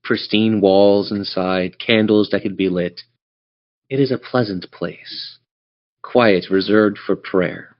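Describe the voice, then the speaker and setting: On dull, lo-fi audio, a man leads a tabletop role-playing session as game master. His lowish voice stays steady and slow while he narrates scenes in a vivid, theatrical way.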